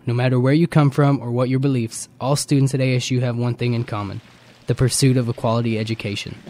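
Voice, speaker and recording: A man reads a scripted news-feature narration in a measured, formal way. His voice is an everyday mid-pitched male voice, delivered steadily and clearly. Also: level tone, darkish tone, a little hiss or hum. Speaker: narrator and interviewer.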